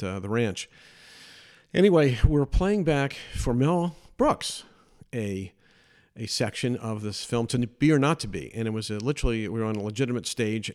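An older man hosting a podcast, telling chatty, animated anecdotes from his career. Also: fairly low pitch. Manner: chatty, animated anecdotes with put-on quoted voices. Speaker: podcast host. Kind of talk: casual storytelling.

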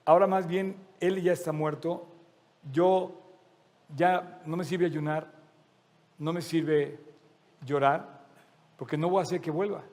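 A man's voice: fairly high pitch, steady tone, slow pace, pauses often, a little mellow. A man voicing a grieving ancient king who speaks in a resigned, plain-spoken way, inside a sermon. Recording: long reverb of a large hall.

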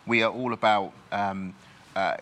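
A lower-pitched man with a bright, forward tone speaks thoughtfully in a church panel discussion. He was born in Nigeria and grew up in this country, and he pauses and restarts often as he works through his answer. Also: steady tone. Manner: thoughtful, halting with many restarts and fillers.

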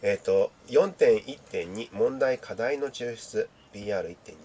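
Nasal, stuffed-up man with a lowish voice. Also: normal speed, darkish tone. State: has a cold. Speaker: host of a reading group. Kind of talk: casual discussion and reading aloud from a guidebook. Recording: faint background noise.

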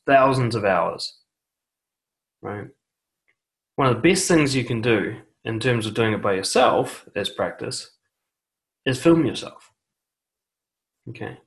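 A man coaching viewers on confident speaking in a measured, deliberate advice monologue, often pausing on a quiet "okay" and repeating words for emphasis. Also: mid-range voice, poor audio. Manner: measured, deliberate delivery with frequent "okay" asides. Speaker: YouTube dating and confidence coach. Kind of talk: direct-to-camera advice monologue. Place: seated indoors recording a video.

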